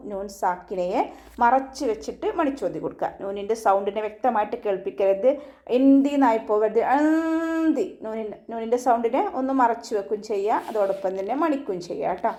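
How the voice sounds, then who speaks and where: A woman with a medium-pitched, darkish voice gives a tajweed lesson, teaching Quran recitation rules patiently and step by step, ending lines with "kettō." She also recites verses in a slow, drawn-out chant.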